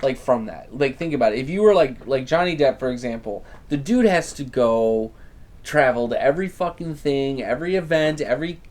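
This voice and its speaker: A man's voice: mid-range voice, fairly quick. Ranting young man on a podcast. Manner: swears a lot, animated rants. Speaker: podcast host. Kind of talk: casual chat.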